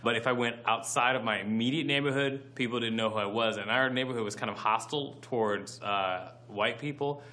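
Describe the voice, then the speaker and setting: A man's voice: mid-range voice, brisk, hardly any pauses, sharp tone. A man telling a comic personal story in a conversational way, full of "like" fillers. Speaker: storyteller comedian.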